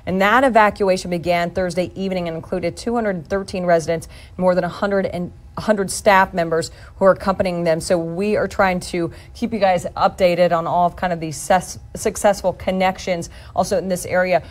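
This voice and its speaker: A female TV news anchor with a slightly low voice. She delivers live breaking updates, moving between reading reports and ad-libbing commentary for viewers.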